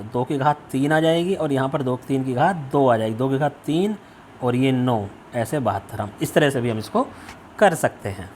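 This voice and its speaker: Brief: male maths teacher, fairly high voice, patient step-by-step explaining, faint hiss behind. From India. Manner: step-by-step, asks and answers own questions. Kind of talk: worksheet lesson.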